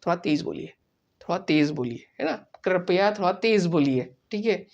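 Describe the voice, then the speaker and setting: A male teacher talks through a language lesson in an easygoing, conversational way. He goes step by step, says sample phrases slowly and more than once, and keeps checking that the listener is following. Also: high voice, animated, darkish tone, dull audio. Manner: explains step by step, often asks "right?" and repeats phrases slowly. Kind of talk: casual spoken lesson.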